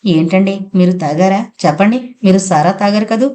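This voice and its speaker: A woman's voice: medium pitch, moderate pace, dark tone, close to an everyday voice. A woman voicing a distraught wife lamenting her husband's drinking in an audiobook. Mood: reproachful. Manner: anguished, lamenting. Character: grieving wife, distraught and tearful. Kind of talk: audiobook character voice.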